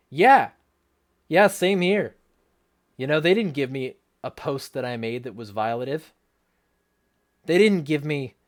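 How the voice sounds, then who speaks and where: A man's voice: mid-range voice, darkish tone. A man hosting a ranting livestream, blunt and indignant with heavy swearing and a sarcastic edge. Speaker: livestream host. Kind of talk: ranting livestream talk, reading viewer comments.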